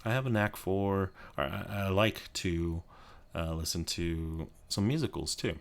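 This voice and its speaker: A man in his thirties from Colorado, chatting quietly and rambling in a soft-spoken ASMR video from his home office, with many restarts. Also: low voice, measured pace, creaky. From Colorado, USA. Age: 30s. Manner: speaking quietly so as not to wake a child. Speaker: YouTube creator.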